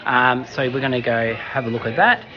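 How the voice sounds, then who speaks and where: A man hosting a casual travel vlog outdoors, chatty and excitable, out of breath from climbing. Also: medium pitch, normal speed, muffled recording, a crowd in the background. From Australia. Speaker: travel vlogger. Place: outdoors on a rocky hill. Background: music.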